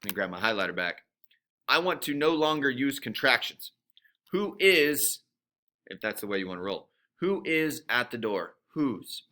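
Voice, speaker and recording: A man's voice: medium pitch, very animated, normal speed, bright, forceful tone. A man teaching a recorded grammar lesson to his students, playful and jokey, stressing words with emphasis.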